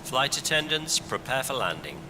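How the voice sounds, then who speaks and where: A man's voice: medium pitch, sing-song, normal speed, lightly acted. A man playing an airline pilot, making clipped cockpit checklist callouts in a game. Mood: procedural. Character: male airline pilot calling checklist items. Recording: very noisy cockpit game audio.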